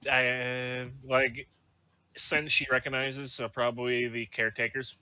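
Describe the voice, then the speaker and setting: A man's voice: medium pitch, flat delivery, a little slow, sharp tone, clear, resonant tone, dry recording. A man playing a tabletop game, speaking tentatively and unsure, on a muffled lo-fi mic. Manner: tentative, uncertain phrasing. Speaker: player. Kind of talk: casual tabletop role-play.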